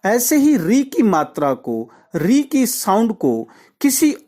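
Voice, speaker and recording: A man teaching Hindi pronunciation, speaking deliberately and repeating each word slowly to model it. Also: sits high, wildly swooping pitch, warm tone. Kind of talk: explanatory pronunciation lesson.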